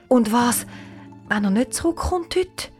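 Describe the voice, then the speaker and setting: A woman with a Swiss German accent voicing a timid, anxious young girl who speaks high and urgently. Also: sing-song, slow, a little mellow, soft background music, full character voice. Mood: unsure.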